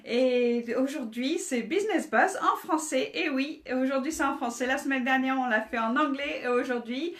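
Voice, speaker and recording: A woman's voice: high-pitched, normal speed, few pauses, a bit bright. A woman with a French accent hosting a casual business talk, chatty, with many hesitations and restarts. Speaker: host.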